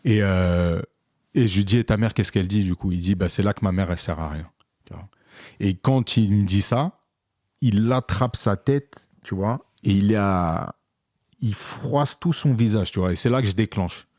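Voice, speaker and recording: Low-voiced man telling a story. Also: normal speed, no room sound, clean studio sound. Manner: animated, re-enacts dialogue with many fillers. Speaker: podcast co-host, photographer. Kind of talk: casual storytelling chat.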